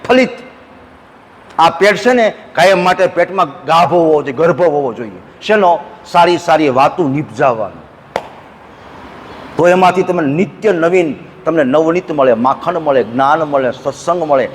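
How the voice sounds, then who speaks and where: A man preaching a devotional sermon at an ashram, telling folksy stories and breaking into slow sung verses. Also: fairly high pitch, animated, big-room sound, slight background noise. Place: ashram hall.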